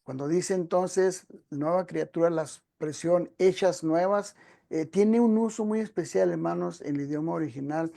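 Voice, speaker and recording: Speaking at a normal speed, a man delivers an explanatory sermon that walks through a passage step by step, frequently addressing his listeners as brothers and sisters. He has a high, warm voice with vocal fry.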